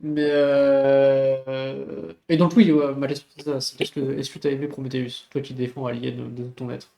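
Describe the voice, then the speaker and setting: A man's voice: medium pitch, little pitch movement, moderate pace, gravelly, background noise. Rambling man with fillers, roomy sound. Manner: rambling, hesitant, many fillers. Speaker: co-host. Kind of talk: casual live-stream debate.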